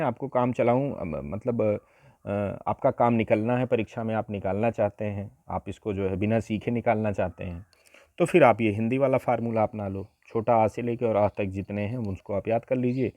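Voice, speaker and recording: A man's voice: lowish voice, dark tone, no room sound. A man teaching an exam-prep grammar lesson, explaining step by step and often asking rhetorical questions.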